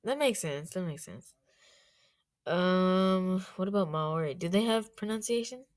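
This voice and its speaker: A woman's voice: lowish voice, animated, a little slow. A young woman giving rambling, chatty commentary in a casual vlog, with plenty of fillers. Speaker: YouTuber.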